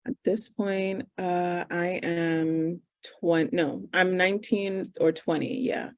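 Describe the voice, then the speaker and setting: A woman's voice: lowish voice, steady tone, slow, no echo, studio quality. A woman in her twenties, a medical student, answering interview questions over a video call. She speaks casually, thinking aloud with fillers. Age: 20s.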